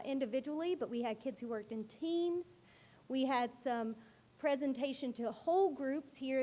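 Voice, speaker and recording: A woman school librarian with a high-sitting voice presents at a board meeting. She is loud and carrying, and she explains things earnestly.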